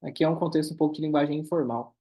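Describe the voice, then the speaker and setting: A man teaching a German class, reading lines slowly and then explaining them quickly. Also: fairly high pitch, fairly even intonation, mellow. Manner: switches between slow careful German and quick explanations. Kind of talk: online class, reading dialogue and translating.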